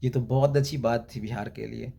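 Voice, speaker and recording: A man's voice: mid-range voice, steady tone, a little fast, vocal fry, warm tone, a little hiss or hum. A young man from Bihar hosting his own channel, delivering an impassioned political monologue in repeated rhetorical lines. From Bihar, India. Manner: rhetorical and repetitive, building emphatic lists. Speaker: YouTube channel host.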